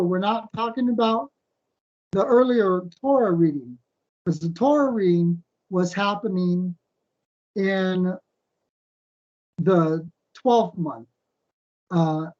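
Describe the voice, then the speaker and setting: A man teaching a weekly scripture portion, breaking off often with "um" and "uh" as he thinks aloud, and slowing into a fuller cadence when he reads a passage. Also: high voice, darkish tone. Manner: halting, thinks aloud with many fillers. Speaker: Bible teacher. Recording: dull lo-fi recording.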